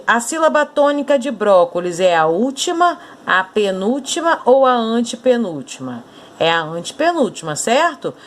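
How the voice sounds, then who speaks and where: A woman with a Brazilian Portuguese accent teaching an online lesson, saying words slowly and clearly and asking the students questions. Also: on the high side. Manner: slow, clearly stressed syllables, asking questions.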